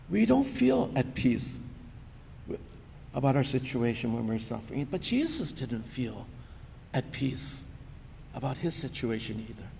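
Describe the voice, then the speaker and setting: A man's voice: creaky, darkish tone. A man preaching a sermon in an earnest, conversational way, often asking rhetorical questions. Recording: long reverb of a large hall, faint rumble.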